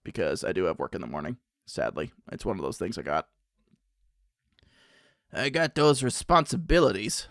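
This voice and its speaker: Young man, casual streamer banter, laughs a lot, lively swooping voice, dry close mic. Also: rumbling low, fast, few pauses, dry recording. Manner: laughs often, animated and playful, reacting to chat. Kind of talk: casual chat with viewers.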